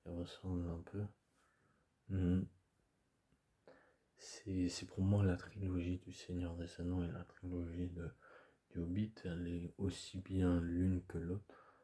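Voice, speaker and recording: A video creator talks casually to camera while hoarse, stuffy-nosed, and coughing from a cold. His very low, mellow, monotone voice moves slowly, and he hesitates, stops and restarts often, rambling with many fillers.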